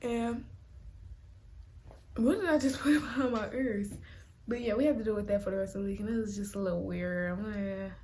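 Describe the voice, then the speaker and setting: A young woman vlogger telling a casual storytime, animated and laughing, with dramatic whispered asides. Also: medium pitch, normal speed, pauses often, a little hiss or hum.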